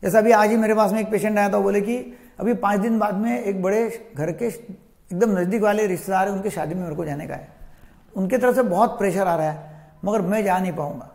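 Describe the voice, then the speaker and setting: A man's voice: sits high, a little fast, vocal fry, a little mellow. A man in his fifties from India, a psychiatrist giving a plain, instructive talk that repeats phrases for emphasis. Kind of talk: explanatory health talk to camera.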